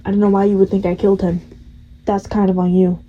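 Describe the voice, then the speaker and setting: A woman's voice: medium pitch, flat delivery, fast, dark tone, highs cut off, lightly acted. A woman voicing a cold, cruel male god who mocks a human in a retold game story. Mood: mocking. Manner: mocking, contemptuous.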